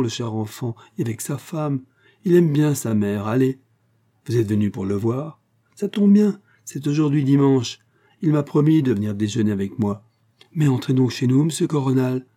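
A man's voice: medium pitch, mellow, pitched above the performer's own voice, natural voice. A man voicing a talkative, fussy elderly woman fruit-seller in an audiobook. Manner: eager, talkative, effusive.

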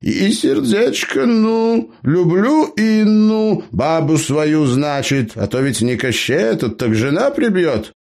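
A man's voice: on the high side, big pitch swings, takes it slowly, gravelly, hardly any pauses, a little mellow, voice pushed up, heavily acted. Man putting on a crafty old gnome. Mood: boastful. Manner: folksy, bragging, theatrical. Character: crafty bearded old male gnome, boastful. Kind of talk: audiobook character voice.

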